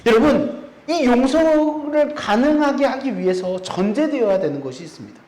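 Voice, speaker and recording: A man's voice: very high voice, animated, moderate pace, darkish tone. A man preaching a sermon in a church, often putting rhetorical questions to the congregation. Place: church sanctuary. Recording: echoey church room.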